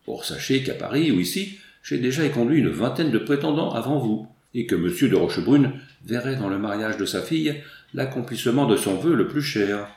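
A man's voice: mid-range voice, lively intonation, a little fast, darkish tone, echoey room, close to an everyday voice. A man reading an audiobook, voicing a proud, independent young noblewoman with firm, formal composure. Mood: firm, composed.

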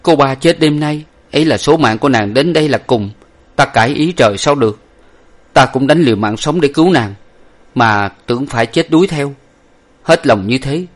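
A man doing a solemn, grieving young gentleman. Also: mid-range voice, pitched above the performer's own voice, close to an everyday voice. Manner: measured, solemn and dignified.

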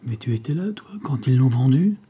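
A man's voice: mid-range voice, lively intonation, brisk, warm tone, husky. A man reading the part of a scheming older male gang chief who gives menacing commands.

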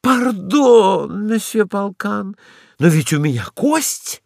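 A sly, cheeky stray lady dog, put on by a male reader, talks in a raised, singsong voice that climbs and falls a lot. She sounds coy and innocent. The voice is dry and close, with a gravelly edge. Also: sits high, animated, slow pace, dry recording, pitched above the performer's own voice, full character voice.

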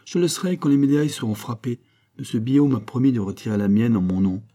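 A man's voice: medium pitch, dark tone, natural voice. A man reading the part of a boastful but timid young villager in an audiobook, his voice raised a little above his narration. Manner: boastful yet nervous, quick to back down.

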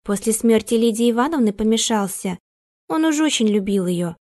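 A woman voicing a brisk young housemaid who speaks sharply. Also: fairly high pitch, lively intonation, natural voice. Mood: confiding. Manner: sharp, shouting into an ear.

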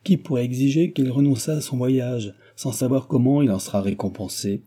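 A man's voice: medium pitch, brisk, mellow, breathy edge, close to an everyday voice. A man voicing a chattering, pushy middle-aged mother in an audiobook, talking in a gushing, overfamiliar, insistent way.

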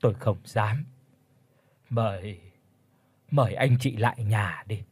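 A man's voice: on the low side, slow, husky, no echo, voice pushed down. A man voicing a frail, bitter old village mother, weak and anguished, in an audio storybook. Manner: weak, anguished, wailing curses.

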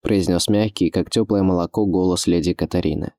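A man narrating an audiobook in a measured, expressive literary reading. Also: deep voice, dry recording, clean studio sound.

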